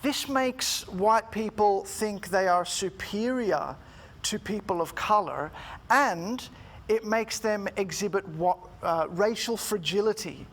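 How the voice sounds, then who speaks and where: A man giving a prepared, formal talk in a measured, deliberate way, phrase by phrase. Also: high voice, a bit bright. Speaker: speaker giving a talk, student teacher.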